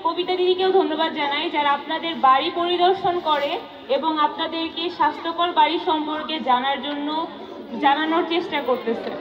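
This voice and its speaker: Very high-pitched woman interpreting live. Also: fairly even intonation, fairly quick, recorded from a distance. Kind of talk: live consecutive interpreting to an audience. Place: large room with an audience. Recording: echoey room from afar, muffled, crowd noise.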